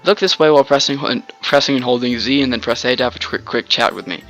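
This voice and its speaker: A man's voice: mid-range voice, quick pace, fairly bright tone, soft background music, natural voice. A man reading the lines of a chatty male tutorial guide in a video game, explaining controls cheerfully.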